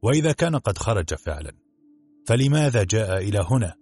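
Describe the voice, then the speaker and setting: A boastful, overconfident police inspector from a storybook, voiced by a man. His low, husky voice rises and falls with lively self-satisfaction. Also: quick pace, soft background music. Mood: smug. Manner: smug, overconfident.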